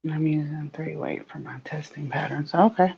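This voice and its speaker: A woman's voice: low-pitched, normal speed, creaky, a little mellow, highs cut off, a little hiss or hum. A woman with a Southern US accent hosting a crochet live stream, chatting casually with viewers and laughing often. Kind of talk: casual chat reading viewer comments.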